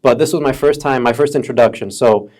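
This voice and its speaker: Man in his thirties, from chicago area, laid-back storyteller, mid-pitched voice. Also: a little fast, a little mellow. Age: 30s. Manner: laid-back, calls friends bro and dude. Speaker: podcast guest. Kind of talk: casual storytelling chat.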